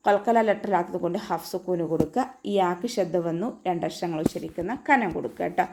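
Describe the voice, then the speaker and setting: A woman with a Malayali accent leads an online Quran recitation lesson. She explains pronunciation rules patiently, one letter at a time. She regularly chants the verses slowly as examples for her students. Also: fairly low pitch, background noise.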